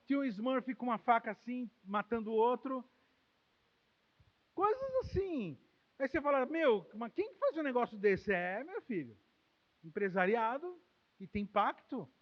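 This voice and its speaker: A Brazilian man preaching a sermon as pastor, emotional, swinging from loud exclamations to quiet, intimate tones. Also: very high-pitched, lively intonation, measured pace. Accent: Brazilian Portuguese. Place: church hall. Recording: long hall reverb, dull lo-fi sound.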